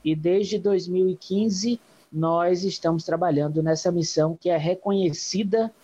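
A man's voice: high voice, fairly even intonation, unhurried, dark tone, slightly rough. Hesitant man on dull audio. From Bahia, Brazil. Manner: hesitant, many filler sounds and restarts. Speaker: guest, documentary filmmaker and student. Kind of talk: interview answers.

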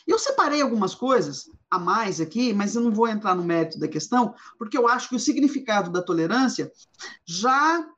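A woman from Goiás, Brazil, hosts an informal discussion, reading quotes aloud and thinking on her feet with many restarts. Her voice is a little high, animated, and fairly quick, and the recording sounds dull and lo-fi.

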